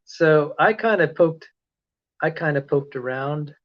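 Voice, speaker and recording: A man's voice: a little high, a little slow. A man from the Philippines with an American accent, talking casually and rambling as an online lecturer on a livestream. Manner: rambling, self-correcting, chatty. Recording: dull lo-fi stream audio.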